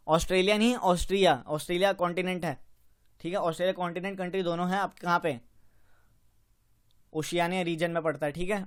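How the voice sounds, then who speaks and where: A man teaching a geography map lesson, repeating country names slowly and correcting his own slips as he goes. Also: sits high, clear, resonant tone. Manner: repetitive drilling, slows on tricky country names; self-correcting, apologizes for slips. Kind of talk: exam-prep map lecture.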